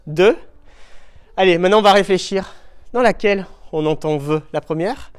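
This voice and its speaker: A man teaching young children in a classroom, speaking slowly and patiently through a face mask and sounding out letters. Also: high-pitched, clean tone. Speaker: primary school teacher. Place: school classroom. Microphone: handheld mic held by a pupil.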